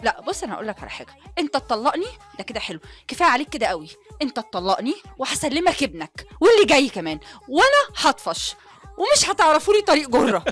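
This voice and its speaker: A woman's voice: sits high, sing-song, fast talker, a bit bright, soft background music. An actress playing an exhausted young wife and new mother who complains half-laughing in an Egyptian accent in a radio drama. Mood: complaining. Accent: Egyptian Arabic.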